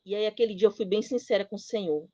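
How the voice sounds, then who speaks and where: A middle-aged woman tells a personal story of faith at church, her speech full of emotion and broken up by fillers and restarts. Her voice sits at an ordinary pitch for a woman. The sound is dry and somewhat dull. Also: fast, warm tone, no room sound. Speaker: church speaker giving testimony. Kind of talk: personal testimony in a church talk.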